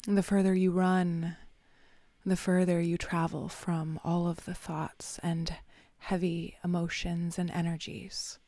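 Slow, flat, half-whispering woman meditation guide. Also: lowish voice, no echo. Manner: soft, half-whispered, soothing delivery with long pauses.

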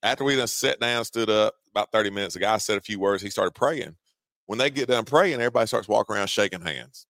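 A man's voice: fairly low pitch, quick pace, a bit bright, no echo. A man in his forties with a Georgia Southern accent, telling a folksy story on a sports talk show with lots of laughing. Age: 40s. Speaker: co-host.

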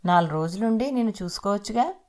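A woman's voice: mid-range voice, expressive, fast talker, darkish tone, close to an everyday voice. A woman voicing a curious, chatty neighbor who sounds surprised and coaxing.

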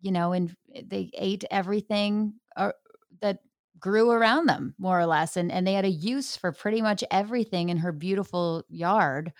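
A woman hosts a casual interview chat, telling stories enthusiastically and warmly, with plenty of fillers. Her voice is medium-pitched and she speaks at normal speed. The studio-quality recording has no echo.

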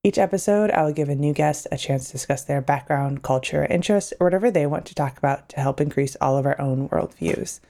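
A woman's voice: low-pitched, brisk, vocal fry, few pauses, warm tone. A woman hosting a podcast, introducing her guest and asking questions in a friendly manner. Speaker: podcast host. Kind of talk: podcast interview.

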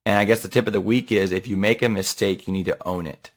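Deep-voiced man giving emphatic advice. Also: steady tone, fast. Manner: emphatic, repeats key points. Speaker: podcast co-host. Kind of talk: casual advice monologue.

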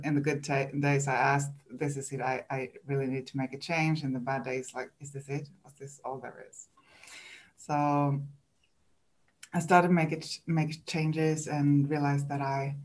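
A Swedish woman, a coach, speaks English as a second language with a Swedish accent as a podcast interview guest. Her voice is low, and she talks reflectively and haltingly, with restarts and small laughs.

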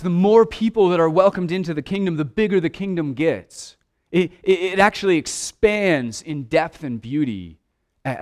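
A man preaching a sermon in an earnest way, stumbling over restarts and at times dropping to a hushed voice. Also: on the high side. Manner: earnest preaching with repeated restarts, dropping to a hush for quiet asides. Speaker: pastor.

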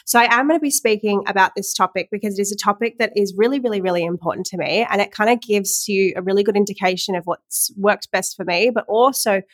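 Talking quickly with few pauses, a young woman hosts her live-streamed solo podcast as a women's empowerment coach. She's chatty and earnest, loose with fillers and restarts, and her mid-range voice sounds slightly nasal on a dry recording.

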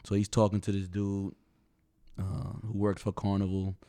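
Man co-hosting a podcast, fairly low voice, animated storyteller, dry close sound. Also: moderate pace, no echo. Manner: storytelling, animated, acts out quotes. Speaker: podcast co-host. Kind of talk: casual chat. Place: home dining room studio.

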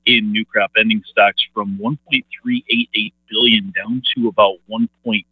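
Halting man over a phone line. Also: lowish voice, steady tone, husky, dry recording. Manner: halting, heavy with "uh" fillers and restarts. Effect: heard over a phone line. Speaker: grain market analyst guest. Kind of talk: phone interview on farm markets. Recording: narrow dry phone line.

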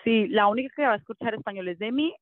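Casual mom on a video call: high voice, tinny dry audio, chatty, mixes in English fillers. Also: female voice, fast talker, no room sound. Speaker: guest, mother. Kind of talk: casual conversation. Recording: thin phone-like dry audio.

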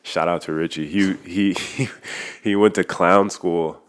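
A man's voice: deep voice, fairly even intonation, a little slow. A man talking casually and candidly about his feelings, filling his speech with "like" and swearing freely. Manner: loose and candid, heavy use of "like", swears freely. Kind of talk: casual personal chat.

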